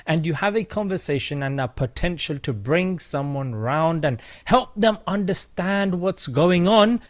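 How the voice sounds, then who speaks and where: High-voiced man admonishing viewers. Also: no room sound, clean studio sound. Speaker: video commentator. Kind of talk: casual exhortation to viewers.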